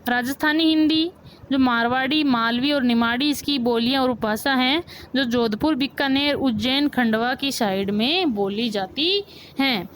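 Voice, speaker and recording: A woman's voice: sits high, unhurried, a little hiss or hum, rough recording. A woman teacher, giving a grammar lesson and asking the class questions, then repeating the key points. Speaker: school teacher.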